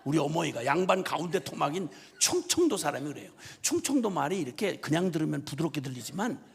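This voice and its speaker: A man's voice: on the high side, fast talker, creaky, breathy edge. A man, a missionary preacher, giving a revival sermon in a church, telling stories with humor and mimicry. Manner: animated storytelling with humor and mimicry. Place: church sanctuary. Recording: long reverb of a church hall.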